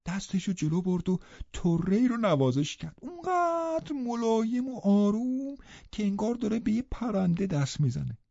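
A man narrating a classic novel as an audiobook, in a measured, even storytelling manner. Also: high-pitched, gravelly, no room sound, dull audio. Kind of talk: scripted literary narration.

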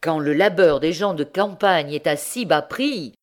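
A woman voicing a cunning, vindictive old uncle who weighs his words slowly, in an audiobook. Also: low-pitched. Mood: impassive. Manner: slow, measured speech. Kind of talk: audiobook character reading.

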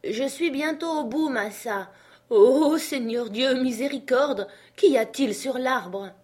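A woman reading a storybook voices a jumpy old male servant stuck up a tree, who exclaims and pleads by turns in a high, loud voice. The character sounds chatty, easily frightened, and alarmed, speaking a little slowly.

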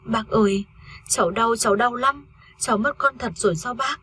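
A woman's voice: mid-range voice, moderate pace, husky. A woman reading a story aloud, voicing a grieving young wife who has lost her baby, in a tearful, pleading way. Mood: distraught.

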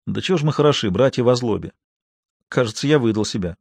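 A man reading a cold, mocking young male actor who stays icy calm and speaks in cutting, sarcastic tones, in an audiobook. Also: medium pitch, fast, gravelly, dry recording. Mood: coldly mocking.

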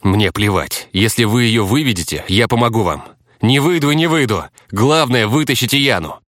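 A man voicing a desperate, defiant young man who shouts in an audiobook. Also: medium pitch, expressive, normal speed, no echo, studio quality, voice pushed up, lightly acted.

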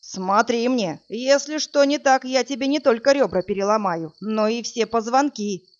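A woman's voice: a little high, moderate pace, highs cut off, lightly acted. A woman voicing a brutish, drunk male thug who snarls coarse threats, in a read-aloud crime story. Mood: suspicious. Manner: menacing, loud, snarling threats.

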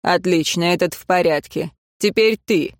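A woman reading an audiobook, voicing a gruff lawman who barks orders. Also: on the low side, moderate pace, dry recording, clean studio sound, lightly acted. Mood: commanding. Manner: barking orders. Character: commanding male lawman, gruff.

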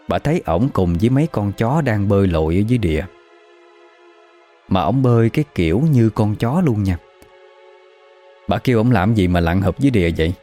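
A man with a Southern Vietnamese accent narrates a creepy village story as if passing on local gossip. His voice sits low and mellow. Soft music plays faintly underneath. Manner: conversational, gossipy retelling. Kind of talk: spooky folk story narration.

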